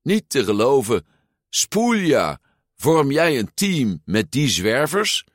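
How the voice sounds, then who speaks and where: A man's voice: mid-range voice, sing-song, slow, no echo, studio quality, voice pushed up. A man voicing a boastful, mocking teenage boy bully in a storybook reading. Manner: mocking, showy.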